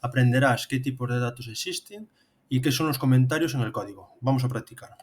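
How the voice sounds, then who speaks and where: Narrating over a screen demonstration, a man in his thirties who teaches programming walks through the material step by step. He has an accent from Spain, and his mid-range voice is a little fast and a little mellow.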